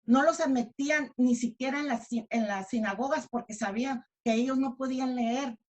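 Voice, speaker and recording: A woman preaching a sermon in a Mexican accent, her voice sitting a little high. She speaks earnestly, restarting words and correcting herself as she goes. When she quotes a desperate plea, she cries it out. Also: normal speed. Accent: Mexican Spanish.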